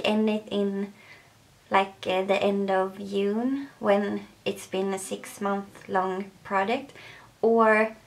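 Young woman, Swedish accent, gravelly fry, hesitant, casual to-camera vlog. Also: medium pitch. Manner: hesitant, many fillers. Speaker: beauty vlogger.

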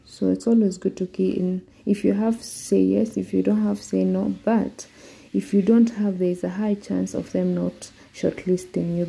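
A woman's voice: fairly low pitch, creaky, warm tone. A Kenyan woman walking viewers through an online form step by step in a screen-recorded tutorial. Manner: slow, step-by-step explaining. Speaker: vlogger.

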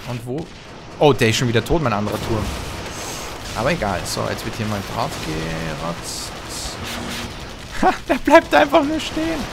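A young man gives lively, trash-talking commentary over his own gameplay, humming and muttering to himself. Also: medium pitch, background noise. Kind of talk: excited let's-play commentary. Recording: game sound effects and gunfire behind voice.

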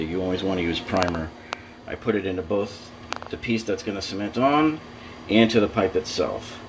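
Indoors in a home bathroom, a low-voiced man hosts a DIY remodeling tutorial against background noise. He talks through the repair one practical step at a time, sprinkling in casual fillers.

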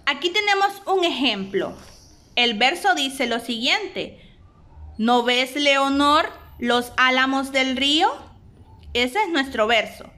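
A woman with a Honduran Spanish accent, giving a recorded grammar lesson and spelling out syllables deliberately. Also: high-pitched, lively intonation, sharp tone. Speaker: teacher.

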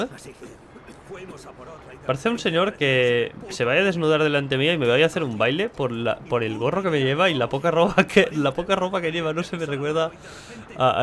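A man's voice: a little high, fairly bright tone. A young man, commentating his gameplay casually, joking and swearing. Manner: chatty and joking, swears a lot. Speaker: gameplay streamer.

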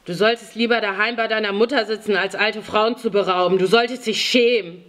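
A woman's voice: mid-range voice, steady tone, a little fast, a bit bright, pitched above the performer's own voice, natural voice. A woman voicing a hard, threatening grown man in an audiobook reading. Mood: stern. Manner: harsh, threatening. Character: stern, menacing grown man.

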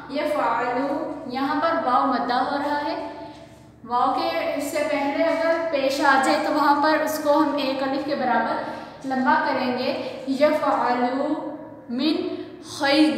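A woman teaching Quran recitation, reciting slowly and patiently explaining each rule, asking and answering her own questions. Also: high-pitched, a bit bright. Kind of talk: recorded online class lesson. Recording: very echoey hall, faint background noise.

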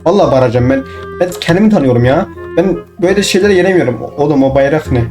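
A young man commenting on his own gameplay, excitable, talking to himself and bursting into shouts. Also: fairly high pitch, quick pace, soft background music. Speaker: gaming channel host.

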